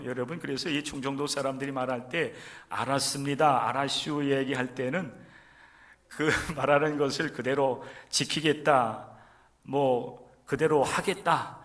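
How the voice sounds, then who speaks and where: Pastor preaching with fervent swells and hushes. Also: male voice, medium pitch. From Chungcheong region, Korea. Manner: swings between loud emphatic stresses and soft near-whispers; addresses the congregation directly and often. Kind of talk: sermon. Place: church sanctuary during a service.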